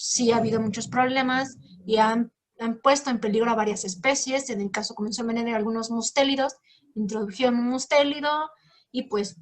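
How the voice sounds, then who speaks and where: A woman giving an academic talk and answering questions, explaining patiently with frequent fillers. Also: on the high side. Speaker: guest lecturer.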